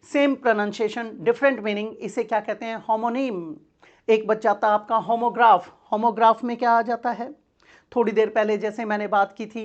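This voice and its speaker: A woman's voice: a little high, lo-fi sound. A woman teaching an English grammar lesson for exam preparation, asking her class questions and answering them herself, calling her students "beta".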